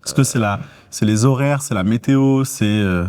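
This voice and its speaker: A man's voice: mid-range voice, normal speed, a little mellow, smooth. A man hosting a podcast, asking questions in a chatty, informal way with fillers. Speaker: podcast host. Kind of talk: casual interview.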